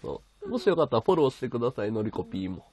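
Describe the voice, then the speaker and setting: A man's voice: mid-range voice, very animated, very fast, mellow. A man hosting a casual livestream from his bedroom, chatting and thanking his viewers as he reads their comments. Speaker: livestream host. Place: bedroom at home.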